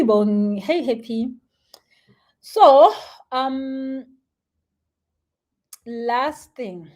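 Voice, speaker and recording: A young South African woman giving spiritual advice in a casual live stream, animated and chatty, sometimes dropping to a soft near-whisper. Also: mid-range voice. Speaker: spiritual teacher answering viewer comments.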